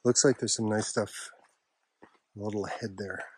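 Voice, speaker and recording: A man with a slightly husky voice gives casual, unhurried, offhand narration to his camera while walking a trail outdoors. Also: fairly low pitch, fairly even intonation, a little hiss or hum. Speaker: hiking vlogger. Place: outdoors on a park trail with a stream nearby.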